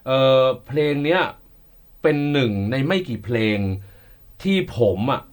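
A man's voice: mid-range voice, animated, a little slow. A man and drummer talking casually to viewers about how he recorded a song, loose and chatty, swearing freely and sounding out drum patterns with his mouth.

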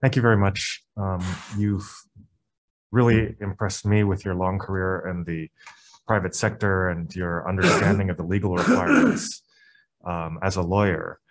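A man in his thirties questioning a nominee at a committee hearing in a polite, formal, deliberate way, speaking through a mask into a table mic. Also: deep voice, lively intonation. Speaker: state senator. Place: government hearing room. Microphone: table microphone, wearing a face mask.

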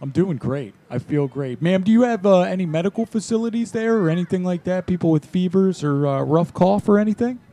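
A man in his thirties hosts a prank call show, improvising as a chatty, rambling, folksy tourist. His high, mellow voice is animated and a little fast with few pauses. He records in a small decorated indoor studio on a close studio mic mounted on a boom arm.

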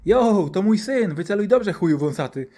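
A man's voice: on the high side, steady tone, fast talker, a little mellow, close to an everyday voice. Man doing a stern scolding mother.

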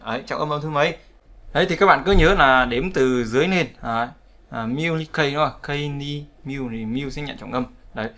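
Gravelly, bright male teacher. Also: mid-range voice, a little fast. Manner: repetitive, conversational, checks with "đúng không?". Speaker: English pronunciation teacher. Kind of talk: explaining word stress in a lesson.

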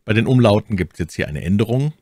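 A man's voice: fairly low pitch, lively intonation, fast, dark tone, no echo, studio quality. A man giving an instructional voice-over as a language teacher, speaking directly to learners.

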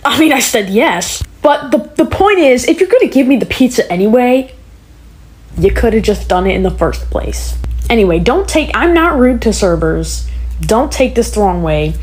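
A teenage girl rants to her phone camera in a casual vlog, sarcastic and quick to mock. Her voice sits fairly high for a woman. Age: teens. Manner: sarcastic, animated storytelling with mocking voices. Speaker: TikTok creator.

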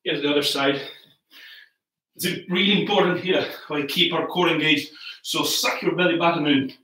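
A man's voice: on the high side, steady tone, normal speed, sharp tone. Upbeat male fitness coach, roomy and distant. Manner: upbeat, encouraging, counts down and cues moves while exercising. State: breathing hard between moves. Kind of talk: live home workout instruction. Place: warm room at home, indoors. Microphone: laptop camera from across the room. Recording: roomy echo from a distant mic.

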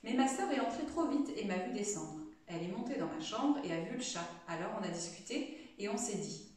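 A woman's voice: mid-range voice, brisk. Woman teacher in an echoey room. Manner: expressive reading aloud, teacherly. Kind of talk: online home-school lesson. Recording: echoey room, distant mic.

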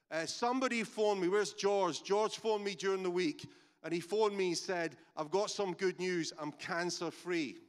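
A Scottish man leads a church service as its pastor, his voice sitting high for a man. He preaches emphatically in a conversational way, moving between stories and prayer. The sound carries the long reverberation of a large church hall. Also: a bit bright. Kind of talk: sermon with storytelling and prayer.

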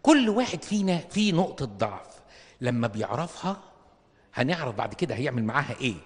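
A man with an Egyptian accent preaching a lively sermon, acting out little scenes and firing rhetorical questions at his listeners. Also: medium pitch, quick pace. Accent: Egyptian Arabic. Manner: animated, acts out little dialogues, rhetorical questions. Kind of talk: comic sermon to an audience. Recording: long reverb of a hall.

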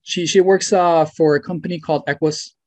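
A former student in his twenties joins a video call interview from a small room at home, using a webcam or laptop mic. His slightly high voice is a little fast and a little mellow, with fairly even intonation and no room sound. He talks earnestly, saying "you know" and "right" a lot.

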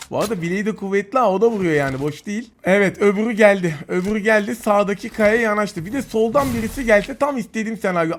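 A man commentating his own mobile shooter match, excitable and taunting his opponents, with bursts of yelling. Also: high voice, background noise. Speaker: mobile game YouTuber. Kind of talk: gameplay commentary.

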